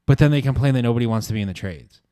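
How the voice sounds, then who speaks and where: A young man in casual podcast banter, loose and slangy, full of "like" and "dude". His voice sits at an ordinary male pitch. The sound is dry and close to the mic. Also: very fast, mellow, smooth, no room sound. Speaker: podcast co-host. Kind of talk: casual chat.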